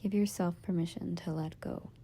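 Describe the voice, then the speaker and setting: A yoga nidra teacher leads a guided meditation in a soft, breathy, husky half-whisper, her voice sitting on the low side with a steady tone. She gives gentle, soothing instructions in short phrases broken by pauses.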